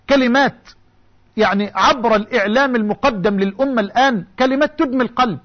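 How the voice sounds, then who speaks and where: A man's voice: very high voice, highs cut off. A man with an Egyptian accent preaching a sermon, impassioned and rhetorical, moving between classical and colloquial speech. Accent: Egyptian Arabic.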